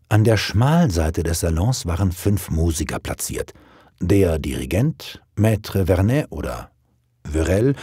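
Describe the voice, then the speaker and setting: A man narrating a story in a deep, husky voice. His pitch rises and falls a lot as he tells it in an old-fashioned, expressive way. The sound is close and dry. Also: no echo. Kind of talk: scripted narration.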